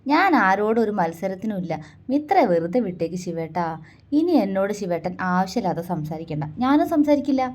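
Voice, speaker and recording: A woman's voice: on the high side, steady tone, brisk, warm tone, close to an everyday voice. A woman voicing a hurt, stubborn young wife. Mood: defiant. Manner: tearful yet defiant, scornful. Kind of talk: storybook reading.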